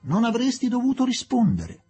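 A man reading an audiobook and voicing a young English official who speaks curtly, hoarsely and domineeringly. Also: extremely high pitch, wildly swooping pitch, normal speed, dark tone, a little hiss or hum, pitched above the performer's own voice, full character voice. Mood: indignant.

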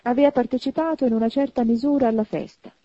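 A woman giving an expressive audiobook narration of a classic novel. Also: a little high, quick pace, no room sound, lo-fi sound. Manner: expressive, animated reading.

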